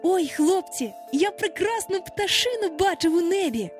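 A woman voicing a boastful, excitable young lost boy in a storybook reading, talking in excited exclamations. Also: high voice, normal speed, faint music behind, voice pushed up.

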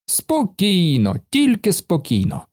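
Guy putting on a bouncy high carefree little braggart from a storybook, lively swings, dry close sound. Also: takes it slowly, dry recording, heavily acted. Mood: soothing. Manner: cheerful, brushes off trouble. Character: boastful carefree plump little man.

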